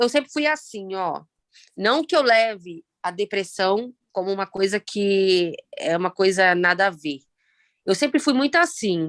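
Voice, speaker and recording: Grieving woman in her thirties, halting. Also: mid-range voice, no echo. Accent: Brazilian Portuguese. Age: 30s. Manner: halting, reflective, with many fillers. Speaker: guest sharing personal story. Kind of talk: emotional personal testimony.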